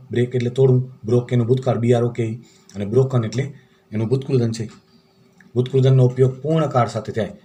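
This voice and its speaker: A man's voice: mid-range voice, mellow, a little hiss or hum. A man teaching a lesson in a patient, repetitive way, with a Gujarati accent, going through word forms and spelling them letter by letter. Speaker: English teacher. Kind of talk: classroom-style lesson in Gujarati.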